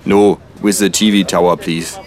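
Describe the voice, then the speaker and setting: A man's voice: low voice, fairly even intonation, moderate pace, close to an everyday voice. Man playing a tourist father, broken English, polite but pushy, comic story reading. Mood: insistent. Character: smiling, insistent tourist father.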